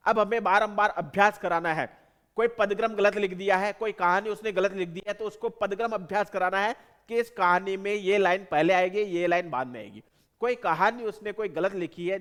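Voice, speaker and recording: A man gives an exam-prep lecture with a fairly high voice. He explains patiently and drives each point home by repeating it in lists. The sound carries a long, lingering reverb. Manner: repetitive, explanatory, stresses points by listing. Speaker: teacher.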